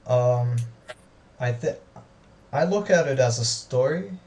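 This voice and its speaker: Interviewee, male, gravelly, halting and restarting, heard from afar in an echoey room. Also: medium pitch, animated, a little mellow. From grew up in the US, Australia and Israel. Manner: halting, many restarts and fillers. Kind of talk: casual conversation. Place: lives in Israel. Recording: roomy far-off audio with faint noise.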